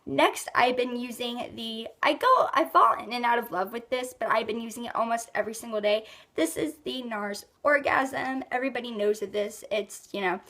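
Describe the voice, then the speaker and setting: A teenage girl, rambling casually about her monthly favorite products, a little rough from being sick, with lots of ums and likes. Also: a little high, normal speed, hardly any pauses, pushed and bright. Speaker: beauty vlogger.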